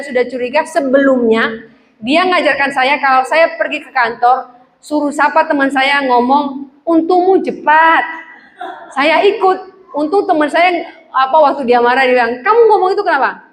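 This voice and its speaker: A woman pastor preaches with a high, lively voice and a humorous touch. She acts out the voices in her stories. The sound is roomy, with a long church-hall reverb and faint ambience behind her. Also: moderate pace, a little hiss or hum. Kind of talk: sermon with personal stories.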